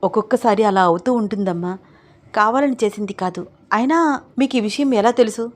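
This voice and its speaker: A woman's voice: medium pitch, brisk, close to an everyday voice. A woman voicing a patient young husband. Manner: patient, explaining. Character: young husband, calm and reasoning.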